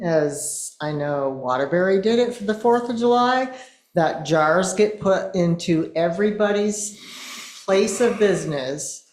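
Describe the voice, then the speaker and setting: A woman's voice: lowish voice, darkish tone. Casual woman in an echoey room. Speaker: community member at town meeting. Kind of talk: informal public comment. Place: indoor public meeting room. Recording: echoey room with background noise.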